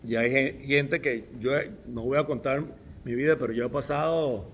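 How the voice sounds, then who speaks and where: A man's voice: mid-range voice, steady tone, moderate pace, fairly bright tone, a little hiss or hum. A middle-aged man preaching a sermon, stressing key words with restarts along the way.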